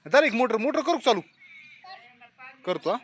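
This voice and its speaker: A man casually narrating his morning for viewers outside a shop. He coaxes a small child in a gentle, soothing way. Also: extremely high pitch, big pitch swings, normal speed. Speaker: vlogger. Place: outdoors by a shop on a rainy morning.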